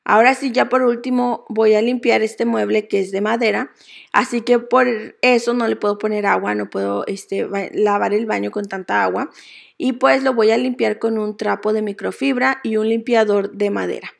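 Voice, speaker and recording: A young adult woman narrating a cleaning how-to as a vlogger, explaining each step calmly with frequent filler words. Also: medium pitch, moderate pace, gravelly.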